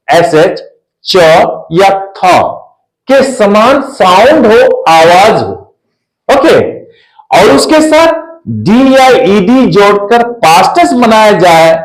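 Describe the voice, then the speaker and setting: A man with a fairly high voice teaches a spoken English lesson at an unhurried pace. He spells words out letter by letter and repeats each one several times for his learners. The sound carries an echo, as in a bare room.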